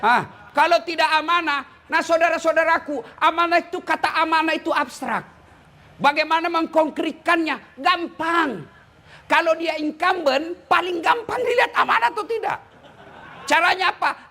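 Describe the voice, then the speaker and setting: A man from Indonesia preaches with a strikingly high voice, joking and needling his listeners as he goes. His delivery is animated and conversational. A faint noise sits under the recording. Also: moderate pace. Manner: animated, joking, teasing the audience directly. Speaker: Islamic preacher. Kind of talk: humorous sermon to a congregation.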